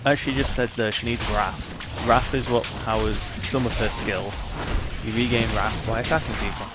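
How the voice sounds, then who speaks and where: A man's voice: medium pitch, fairly even intonation, moderate pace, loud music behind the voice. A man giving casual commentary as he plays a video game. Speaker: let's play commentator.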